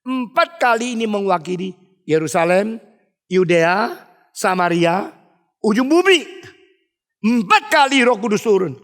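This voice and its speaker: High-voiced preacher in a reverberant hall. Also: male voice, animated, unhurried, long pauses, fairly bright tone. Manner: emphatic storytelling with rhetorical questions. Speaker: pastor. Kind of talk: expository sermon.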